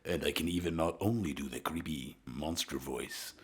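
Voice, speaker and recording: A man voicing a creepy male monster in a comedic podcast bit, with a husky, gravelly voice. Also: rumbling low, moderate pace, voice pushed down, heavily acted. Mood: menacing.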